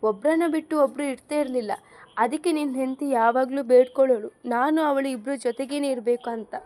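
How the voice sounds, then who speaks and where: A woman reading an audiobook story, voicing a chatty older woman of the house who explains things briskly. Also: sits high, mellow, lightly acted. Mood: amused.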